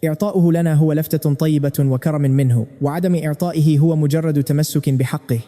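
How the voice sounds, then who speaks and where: A man reading the lines of a firm, calm village chief in a storybook recap. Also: on the high side, fast talker, in a large hall, close to an everyday voice.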